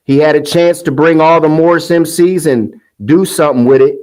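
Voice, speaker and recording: A commentary host with a higher, slightly mellow voice rambles through a casual monologue at a moderate pace, heated and scoffing, restarting his sentences. He mocks others with sing-song quotes. The recording quality is low.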